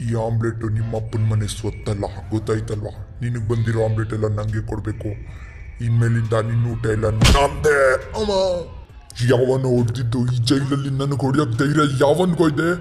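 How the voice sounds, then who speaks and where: A man voicing a gruff bullying adult inmate in a comic cartoon spoof dub, bossy and threatening, with faint music underneath. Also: medium pitch, fairly even intonation, a little fast, lightly acted. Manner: bossy, threatening street talk. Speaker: voice actor in a fan spoof dub.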